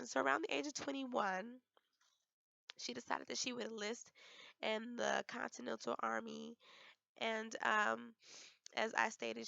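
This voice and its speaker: Hoarse young woman giving a class talk. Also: a little high, bright, forceful tone, dry recording, highs cut off. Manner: halting, many ums and restarts. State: hoarse from a cold. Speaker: student presenter. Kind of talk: class presentation.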